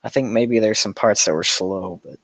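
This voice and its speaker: Answering questions from chat, this young livestream host rambles through profane stories, laughing as he goes. He speaks at a normal pace in a fairly low voice, recorded without echo.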